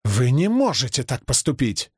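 A man's voice: mid-range voice, sing-song, normal speed, husky, no echo. A hot-tempered, arrogant young noblewoman who exclaims her protests, as a male narrator puts her on. The reading is close and dry, typical of an audiobook. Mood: indignant. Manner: arrogant, shouting.

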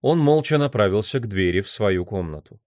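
A man narrating a novel in a measured, even reading. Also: fairly low pitch, no room sound, clean studio sound. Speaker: audiobook narrator. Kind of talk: scripted narration.

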